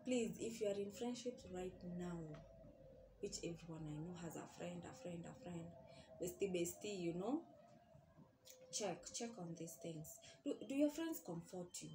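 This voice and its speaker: A woman's voice: fairly low pitch, animated, normal speed, echoey room, noisy background. Earnest woman giving friendship advice. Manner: earnest, questioning, repeats points for emphasis. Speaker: vlogger. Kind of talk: casual advice monologue.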